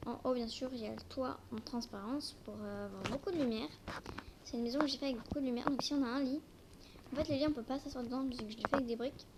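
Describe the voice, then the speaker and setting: A woman's voice: high-pitched, fast talker. A young female speaker with braces slightly impeding her articulation, casually and hesitantly presenting a game in a homemade video. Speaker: amateur video creator. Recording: noisy homemade recording with clicks.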